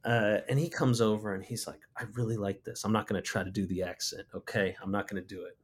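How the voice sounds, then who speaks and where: A middle-aged man with a fairly low voice tells a personal story from his mural-painting days. He talks casually and loosely, with lots of "uh" and "you know" and false starts as he gathers his thoughts. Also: fast talker, slightly rough. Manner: relaxed, rambling, frequent fillers and restarts.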